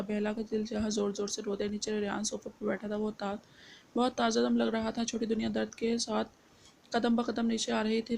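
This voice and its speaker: A woman narrates a romance novel aloud at a steady, unhurried pace. Her voice barely moves in pitch and has a gravelly texture. A faint background noise sits under the reading. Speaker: novel reader.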